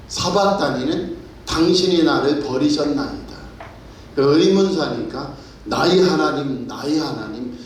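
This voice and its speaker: Korean pastor preaching in an echoey church. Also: male voice, medium pitch, slight background noise. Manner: storytelling, rising to loud fervent preaching. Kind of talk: sermon. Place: church sanctuary. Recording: very echoey hall, mic at a distance.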